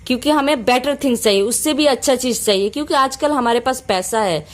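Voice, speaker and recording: Indian woman slowly explaining English words. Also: sits high. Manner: repeats and explains each phrase, reads English slowly word by word. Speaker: English teacher, channel host.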